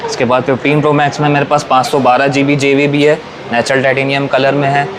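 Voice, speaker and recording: A man with a Pakistani accent working as a phone seller, giving a repetitive sales pitch that lists models and prices. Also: flat delivery, fast, a crowd in the background. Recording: noisy room with clear background noise.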